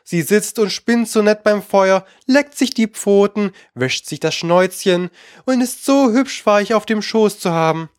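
A man's voice: sits high, measured pace, clear, resonant tone, dry recording, studio quality, voice pushed up. A man voicing a polite, curious young girl who talks eagerly and coaxingly.

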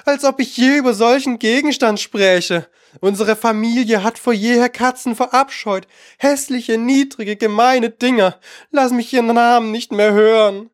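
A man voicing an angry little mouse that hates cats, with a shrill, shrieking voice. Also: moderate pace. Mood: shrill, furious. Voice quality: shrieking, squeaky. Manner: indignant outbursts. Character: shrill, furious little mouse, cat-hating, trembling.

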